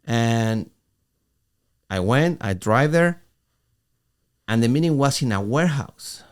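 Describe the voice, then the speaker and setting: A middle-aged man co-hosting a podcast, telling an animated story in casual talk with halting restarts. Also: medium pitch, smooth. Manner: animated, acts out quoted voices, halting restarts. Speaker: podcast co-host.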